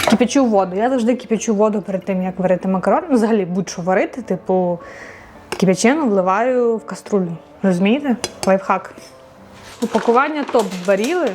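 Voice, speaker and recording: A woman's voice: fairly high pitch, a little hiss or hum. A young woman from Ukraine, chatting playfully to the camera in a casual vlog as she walks outdoors and cooks at home. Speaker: vlogger. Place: outdoors in a park, then at home.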